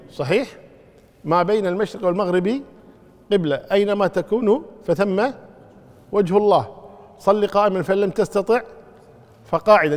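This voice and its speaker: A man's voice: high voice, darkish tone. A man teaching a religious lesson on prayer rules. He repeats his key points and quizzes his listeners as he goes. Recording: long reverb of a large hall.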